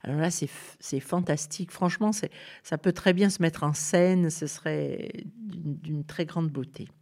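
A woman reading a children's story aloud in a gentle, expressive way. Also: deep voice, moderate pace, creaky.

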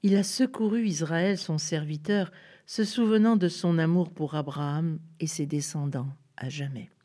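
A woman voicing a humble, devout young woman who recites softly, almost like a prayer, in a storybook reading. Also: sits low, a little slow. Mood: exultant. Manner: soft, hushed, prayer-like recitation.

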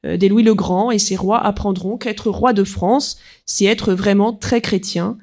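A woman giving an unscripted history lecture, pausing often and filling gaps with small verbal tics while she reads quotes aloud. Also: mid-range voice, steady tone, a little mellow. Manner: hesitant, peppered with "voilà" and "hein", reads quotes aloud.

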